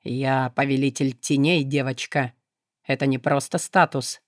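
A woman voicing a proud male demon lord of shadows in an audiobook, speaking low, measured and unhurried. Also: steady tone, dry recording, studio quality. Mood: cold. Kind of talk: audiobook character voice.

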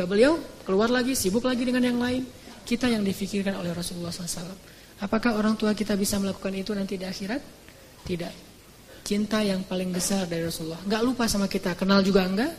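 A young man preaching casually at a live lecture, telling the story in relaxed everyday speech, acting out dialogue and growing soft and slow at moving points. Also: sits high, a little hiss or hum. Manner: conversational, slangy, acts out dialogue; slows and softens at emotional points. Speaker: Islamic preacher. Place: live lecture venue with audience. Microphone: audience phone recording.

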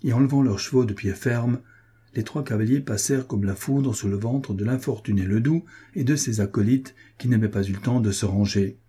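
A man reading a story aloud in steady, measured scripted narration. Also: mid-range voice, slightly rough.

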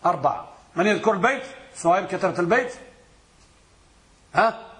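A man's voice: high voice, very animated, brisk, a bit bright. A man teaching a classroom grammar lesson as a sheikh, quizzing his students and repeating questions, answers and lines of verse.

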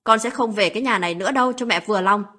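A woman voicing a young husband, drunk and quick-tempered, who scolds his wife and argues with his mother in a spoken story. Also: medium pitch. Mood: arguing. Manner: scolding, loud and blunt.

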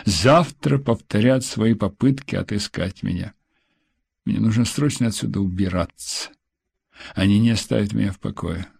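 A man reading a wounded fugitive in hiding, who speaks softly and gravely. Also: on the low side, no echo. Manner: soft, grave.

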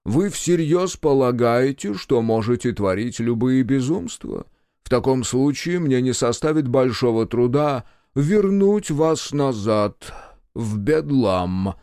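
A man voicing a cold, ironic senior official who speaks with quiet menace, in an audiobook. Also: mid-range voice, sing-song, a little slow, no room sound, studio quality. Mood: mocking menace. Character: stern, sarcastic senior government official, older man.

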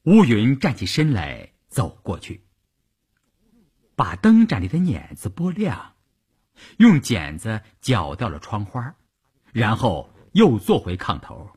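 A man narrates a novel for a radio storytelling program. His voice is husky and rough, his pitch swinging widely from line to line, and he takes his time over every phrase. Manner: slow, expressive narration.

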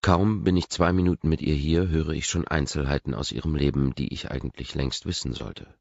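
Brief: male first-person narrator, measured reading, extremely low and gravelly. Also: darkish tone, no echo. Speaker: audiobook narrator. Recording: dry, dull lo-fi recording.

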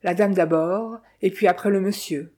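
A woman's voice: medium pitch, normal speed, dark tone, natural voice. A woman voicing a timid young male hotel porter who answers hesitantly, in a storybook reading.

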